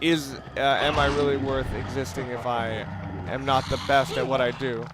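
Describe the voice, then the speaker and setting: Over game music and sound effects in a very noisy recording, a man talks through a video game walkthrough as a let's play commentator. His medium-pitched voice is flat and moderately paced, and his commentary is casual, wry and rambling.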